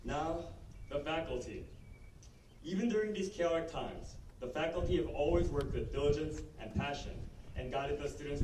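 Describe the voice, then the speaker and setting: Male student, about eighteen, formal commencement podium speech, earnest delivery, roomy distant pickup with some noise. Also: medium pitch. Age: teens, about 18. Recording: echoey, distant microphone, background noise.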